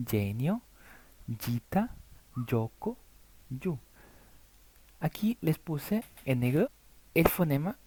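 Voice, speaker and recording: Man, Italian native, patient pronunciation teacher, lively pitch, dry close voice-over. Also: no room sound. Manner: slow, careful spelling out of letters and examples. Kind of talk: slide-based alphabet lesson.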